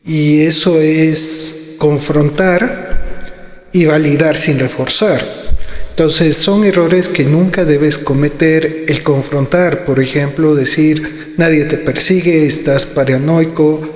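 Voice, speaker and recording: A man who hosts and lectures on psychiatry, teaching slowly and deliberately. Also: on the high side, fairly even intonation, darkish tone. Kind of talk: lecture-style talk. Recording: echoey room with long reverb.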